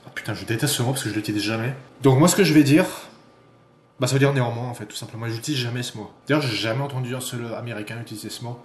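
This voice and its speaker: A fast, excitable man chatting casually to camera. He swears freely and thinks out loud. His voice sits in a roomy, echoey space with faint noise behind it. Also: medium pitch. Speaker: vlogger. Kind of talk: casual vlog chat. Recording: roomy echo.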